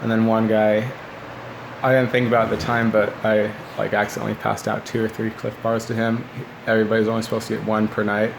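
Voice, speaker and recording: Speaking at a quick pace over background noise, this creaky-voiced man in his twenties sounds flat and low. He casually recounts his time at boot camp as a former recruit, rambling to a phone at arm's length while seated by a window in a small indoor living room.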